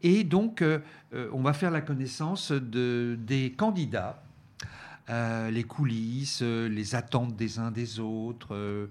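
Slow, hesitant man reviewing films. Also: medium pitch, fairly even intonation. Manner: hesitant, many fillers and restarts. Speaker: film reviewer presenting a DVD selection. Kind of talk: radio-style review chat.

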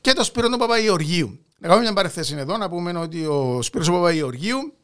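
A man with a Cypriot Greek accent telling history conversationally as a co-host, with hesitant, halting phrasing. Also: sits high, very animated, a bit bright, clean tone. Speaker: podcast co-host narrating history. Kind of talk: conversational storytelling.

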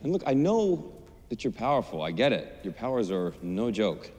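An actor playing a cocky male superhero, second-in-command, talking down to someone in a smooth, condescending way, in a TV series scene. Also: lowish voice, big pitch swings, normal speed, darkish tone. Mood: placating. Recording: roomy film audio with faint ambience.

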